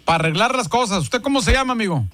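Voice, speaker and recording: A man's voice: high-pitched, lively intonation, rapid-fire, pushed and bright, no echo. A man with a Mexican accent hosting a radio prank call, pushing and teasing the person on the line with mock indignation. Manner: pushy, teasing, playfully indignant.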